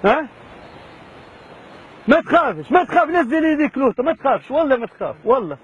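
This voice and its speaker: A man's voice rides high and jumps around a lot as he bosses his target about and teases him with threats. He rattles through his lines quickly. The recording sounds lo-fi, with a faint hiss underneath. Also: big pitch swings. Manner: coaxing, bossy, mock-menacing. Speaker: prank show host. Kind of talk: hidden-camera prank banter.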